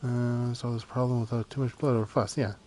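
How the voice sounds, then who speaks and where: A man's voice: medium pitch, little pitch movement, a little fast, a little mellow, a little hiss or hum. A man reading game narration aloud dramatically, breaking into casual asides as he plays. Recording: music behind the voice.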